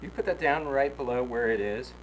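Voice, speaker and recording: A man's voice: mid-range voice, expressive, fairly quick, dull audio. A man on a film crew giving casual on-set instructions. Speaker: film crew member directing the shots. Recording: very noisy on-location recording.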